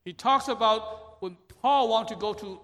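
Male church interpreter, very high bright tone, hesitant live delivery, hall reverb. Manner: halting, searching for words, sometimes laughing.

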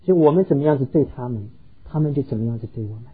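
A man's voice: mid-range voice, very fast, husky, phone-quality sound. A pastor preaching a sermon, earnestly telling stories and slipping English words into his talk. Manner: earnest, heartfelt storytelling.

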